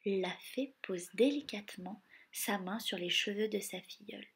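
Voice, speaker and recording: A woman reading an animated storybook aloud for children, narrating in a hushed, whispery way with lively bursts. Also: medium pitch, moderate pace, breathy edge.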